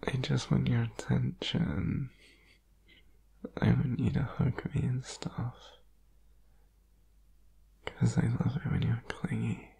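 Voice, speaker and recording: Guy doing asmr boyfriend whispered role-play, needy n sleepy, super breathy husky, soft dark tone, cuddly and tender. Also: medium pitch, level tone, heavily acted. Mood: needy, affectionate. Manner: slow, tender, clingy, soothing. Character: needy, sleepy, affectionate boyfriend cuddling his partner in bed.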